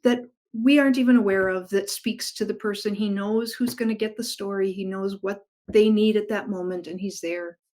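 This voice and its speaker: A middle-aged woman, a guest author, talks about her writing over a video call in a casual interview chat. Her voice sits at medium pitch and moves at a moderate pace with hardly any pauses. She comes across as an enthusiastic, animated storyteller.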